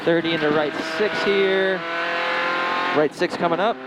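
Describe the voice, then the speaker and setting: A man's voice: a little high, fairly even intonation, a little slow. A man working as a rally co-driver, calling out pace notes in clipped, repeated strings of numbers and directions from inside a moving car. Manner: clipped, repetitive callouts with numbers. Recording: very loud race car engine noise. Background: engine roar, tire squeal, car noise.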